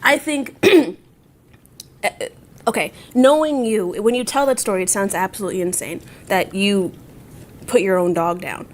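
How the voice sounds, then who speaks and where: A woman's voice: medium pitch, moderate pace. A young adult woman hosting a casual interview, teasing and laughing as she rambles. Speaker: podcast host interviewing a fighter.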